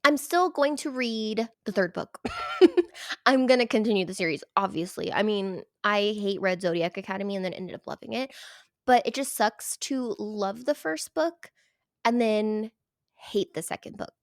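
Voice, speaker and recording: A woman talking casually as a book reviewer, animated and emphatic, sometimes dropping into a whisper. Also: medium pitch, normal speed, no room sound, studio quality. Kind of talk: casual chat.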